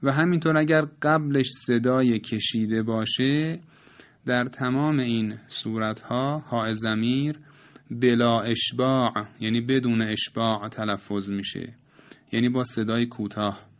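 A man calmly explaining Quran recitation rules step by step, reciting each example slowly and repeating it. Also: medium pitch, muffled recording.

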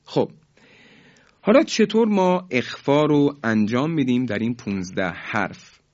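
A man teaching Quran recitation rules in a formal, polite way, explaining each rule and then chanting the examples slowly and drawn out for students to repeat. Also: medium pitch, expressive, a little mellow. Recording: dull lo-fi recording.

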